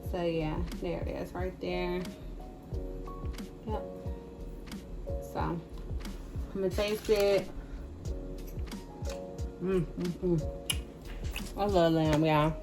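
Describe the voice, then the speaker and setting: A woman's voice: on the low side, steady tone, slow pace, long pauses. A woman chatting casually as she cooks in her home kitchen, often adding "right?" and "y'all". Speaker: home cooking vlogger. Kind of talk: casual cook-along chat. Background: background music.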